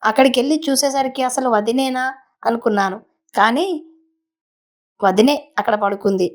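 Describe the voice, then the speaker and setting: A woman narrating a first-person story in a conversational, unhurried way, with small restarts. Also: a little high, a little mellow.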